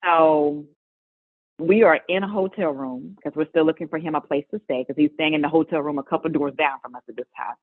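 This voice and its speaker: Speaking as a guest on a phone line that sounds tinny and dry, this middle-aged mother of an NBA player tells stories with plenty of laughter. She has a low-pitched voice and talks fairly quickly in a lively, conversational interview.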